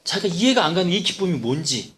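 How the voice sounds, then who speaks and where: A man preaching in a church, a pastor telling a story in an animated way with quoted dialogue. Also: high-pitched, fast. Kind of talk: sermon storytelling.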